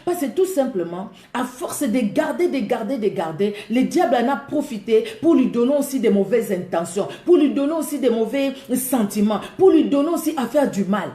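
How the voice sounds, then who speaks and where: A woman's voice: fairly high pitch, animated, normal speed, few pauses, warm tone, roomy sound. A woman preacher with a Congolese French accent, delivering a sermon emphatically, repeating her phrases and speaking straight to her listeners.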